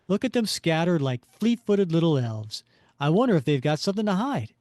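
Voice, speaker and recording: A man's voice: fairly high pitch, sing-song, fairly quick, darkish tone, no room sound, studio quality, pitched above the performer's own voice. A man voicing a confident, wisecracking superhero who talks to himself in a comic-book story. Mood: cocky. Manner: wisecracking, self-talking.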